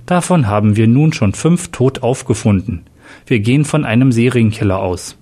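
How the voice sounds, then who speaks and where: A man's voice: medium pitch, animated, moderate pace, dark tone, lightly acted. A man voicing a cool, authoritative male homicide inspector in a read-aloud crime story, formal and self-assured.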